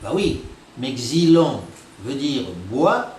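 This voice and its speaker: A man's voice: medium pitch, very animated, slow pace, darkish tone. A man giving a teaching talk on scripture, emphatic and full of rhetorical questions, recorded from some distance in an echoey room. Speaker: preacher. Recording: echoey, from a distance, faint noise.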